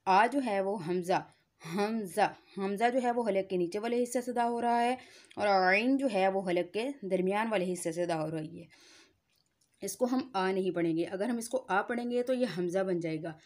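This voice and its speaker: A woman's voice: medium pitch, moderate pace, darkish tone. A woman teaching Quran recitation, drilling letter sounds one by one and patiently explaining where each is formed. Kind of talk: slow tajweed lesson with repeated syllable drills.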